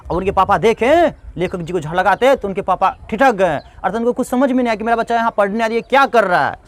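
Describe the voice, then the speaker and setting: A man's voice: high voice, animated, fast. A male teacher explaining a textbook lesson line by line. He restates each passage in simple words and speaks to the students as friends.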